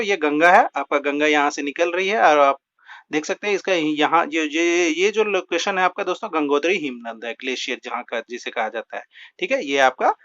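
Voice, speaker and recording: A man's voice: fairly high pitch, a bit bright. A man teaching a general-knowledge lesson for exam prep, explaining with rhyming tricks and often saying "friends" and "okay". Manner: repeats filler words like "dosto" and "theek hai"; explains with rhymes and mnemonic tricks. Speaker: GK quiz teacher. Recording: dull lo-fi recording.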